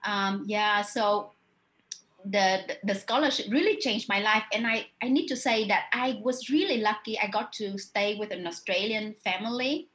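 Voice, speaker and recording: In reflective interview answers about her writing, a Vietnamese author speaks thoughtfully with a Vietnamese accent, often restarting and adding "you know." Her voice is medium-pitched and a bit bright, at normal speed.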